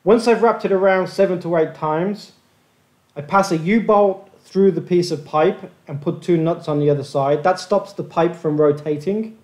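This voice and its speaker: A man's voice: high voice, normal speed, a little mellow. A man hosting a fishing channel, narrating a methodical review of gear tests over slides in a plain-spoken way.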